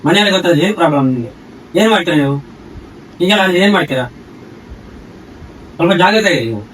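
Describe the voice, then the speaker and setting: A man's voice: on the high side, animated, fast talker, a bit bright, recorded from a distance, a little hiss or hum, poor audio. A man playing a stern teacher who lectures students with pointed questions.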